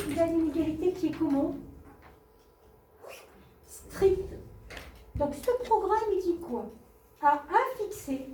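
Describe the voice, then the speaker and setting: A woman's voice: very high-pitched, mellow, slight background noise. A woman teaching a math class, explaining patiently, repeating points and asking the students questions. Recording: echoey classroom from far off.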